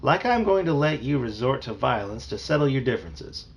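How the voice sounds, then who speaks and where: A man's voice: medium pitch, very animated, brisk, creaky. A man voicing a sarcastic, joking father in a read-aloud storybook.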